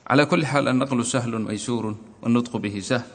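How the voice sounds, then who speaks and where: A man teaching a recitation lesson in a deliberate, explanatory manner, slowly repeating his examples. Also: medium pitch. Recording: long hall reverb.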